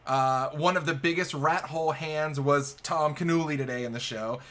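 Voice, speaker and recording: A man's voice: a little high, normal speed, fairly bright tone. A man hosting a show, chatting casually and cheering his guest on with plenty of "dude" and "man". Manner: upbeat, encouraging, uses dude and man. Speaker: show host.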